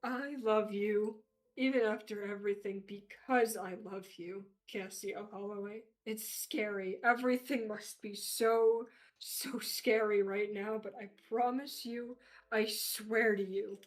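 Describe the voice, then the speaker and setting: Woman voicing a devoted young man, gentle, earnest, soothing. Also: mid-range voice, steady tone, a little slow, close to an everyday voice. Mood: tender.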